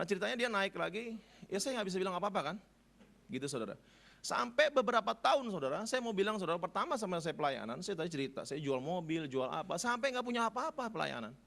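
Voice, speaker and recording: A middle-aged male pastor telling a personal story in a sermon, animated and joking, his voice climbing high when moved. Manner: animated, humorous, rising high when emotional. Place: church service.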